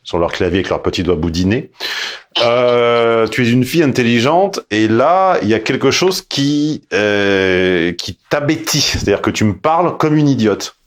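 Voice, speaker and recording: A man's voice: medium pitch, expressive, normal speed. A man coaching a caller on her dating life, blunt and emphatic, with mocking asides. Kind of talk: casual coaching call.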